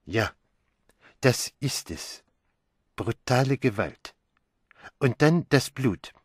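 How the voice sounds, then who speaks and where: A man voicing a fussy older male detective who muses slowly and lingers on his words. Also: mid-range voice, expressive, husky, no room sound, pitched above the performer's own voice. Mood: brooding. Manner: slow, musing, lingering on words.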